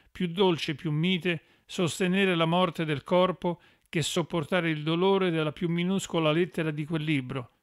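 A man narrating a religious audiobook in a measured, solemn way. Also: a little high, clear, resonant tone, no echo, clean studio sound.

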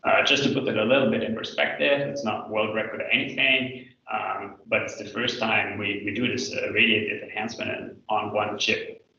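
Male PhD candidate, halting and hedging thesis-defense delivery, bright forceful tone, dull distant video-call sound. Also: lowish voice, little pitch movement, vocal fry, heavy reverb. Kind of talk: academic slide presentation, explanatory. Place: indoor room, online video call.

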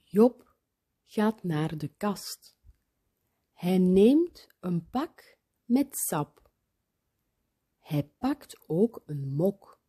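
Woman storyteller for kids, very slow read-aloud, lively up-and-down delivery, dips into whispers. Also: fairly low pitch, slightly rough. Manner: very slow, expressive, drops to whispers.

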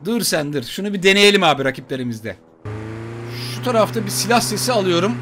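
Hyped guy with a high voice narrating his shooter match, loud gunfire going off behind him. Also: fast. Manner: excitable, swears playfully, talks to viewers and enemies. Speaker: gaming YouTuber. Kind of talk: mobile shooter gameplay commentary. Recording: gunfire and game noise behind.

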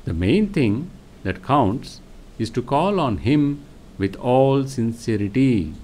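A man of mid-range pitch delivers a spiritual lecture as a monk. His delivery is slow and serene, with deliberate pauses between phrases. The intonation rises and falls widely as he instructs. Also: a little mellow. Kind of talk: religious discourse, reading from spiritual teachings.

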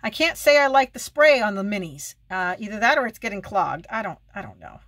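In a casual get-ready-with-me video, a female beauty vlogger sits at home applying makeup and keeps the wry jokes and self-directed mutters coming. Her mid-range voice is animated, fairly bright, and a little fast.

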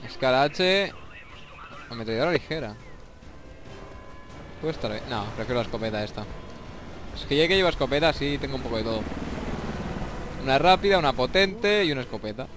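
A young man with a Spain Spanish accent giving excitable, swear-filled commentary over a shooter game and taunting the enemies. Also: mid-range voice, brisk, pauses often, background noise. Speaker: gameplay commentator. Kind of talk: let's play commentary. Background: faint game music and gunfire.

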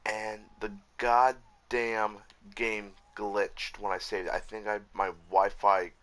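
A man's voice: on the low side, little pitch movement, slow pace, fairly bright tone. A man giving casual, frustrated commentary while rebuilding a game map, swearing often and correcting himself as he goes. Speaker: Minecraft YouTuber.

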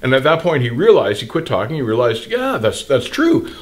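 A man's voice: medium pitch, wildly swooping pitch, fairly quick. An older man hosting a trucking channel, speaking straight to camera in blunt, plain-spoken, indignant advice talk and gesturing broadly, recorded in a small indoor studio.

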